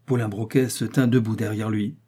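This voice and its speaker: A man narrating a classic novel as an audiobook in a measured, expressive way. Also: fairly low pitch, breathy edge.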